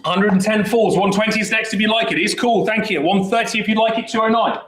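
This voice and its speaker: A man working as an auctioneer, calling bids at a brisk pace with chatty, joking patter. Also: high-pitched, fairly even intonation, fairly bright tone, reverberant, low-quality recording. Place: auction saleroom.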